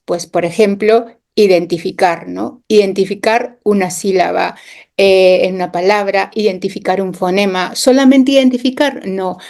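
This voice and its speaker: On a radio show, a woman education specialist speaks as the interview guest in a mid-range, darkish voice. She explains patiently through classroom examples, sounding out words and adding small tag questions to her points.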